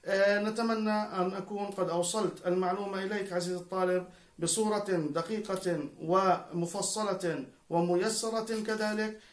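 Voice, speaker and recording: A man's voice: high voice, steady tone, moderate pace. Patient male teacher, echoey room. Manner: patient, spells out syllables one by one, addresses the student directly. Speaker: Arabic teacher. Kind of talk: video lesson on Arabic prosody. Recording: echoey room, mic far away.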